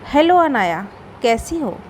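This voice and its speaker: A cheerful young friend from a moral story, voiced by a woman narrator. She sounds breezy and friendly in a fairly high voice. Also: sing-song, takes it slowly, slight background noise, full character voice.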